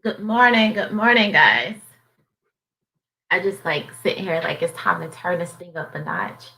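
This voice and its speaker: A woman's voice: on the low side, expressive, moderate pace, gravelly, sharp tone, a little hiss or hum, low-quality recording. A woman with a Southern US accent, a financial coach chatting casually on a live stream, upbeat and repeating herself for motivation. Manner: upbeat, repetitive motivational talk.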